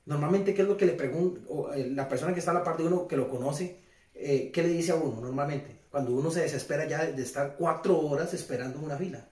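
A man's voice: a little high, fast, a little mellow. A man preaching a conversational sermon who keeps asking his listeners questions and repeats his phrases. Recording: roomy, distant mic.

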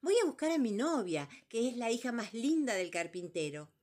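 A cheerful, dapper number three from a children's tale speaks with courtesy and pride, voiced by a woman. The voice sits slightly raised, lively and bright in its swings, with a Rioplatense Argentine accent. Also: fairly high pitch, normal speed, pitched above the performer's own voice. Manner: polite, proud.

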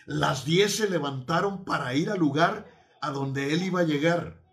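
A man preaching in a somewhat high voice. He talks in an emphatic teaching manner, repeating key phrases and drawing words out for weight, with a few light jokes along the way. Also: a little slow, vocal fry, a bit bright. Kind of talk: sermon.

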